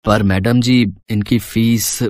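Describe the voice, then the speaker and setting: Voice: medium pitch, fairly even intonation, slow, a little mellow, no echo, clean studio sound, natural voice. An actor voicing a humble, worried poor farmer father in a cartoon, speaking earnestly and pleading. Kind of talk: cartoon voice acting.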